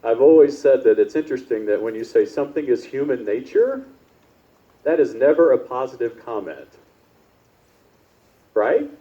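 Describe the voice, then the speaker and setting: A man's voice: mid-range voice, very animated, normal speed, pauses often, warm tone. A man preaching a conversational sermon, telling personal stories in a chatty, informal way and often tossing in "right?". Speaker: pastor. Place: church service. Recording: dull, lo-fi service recording.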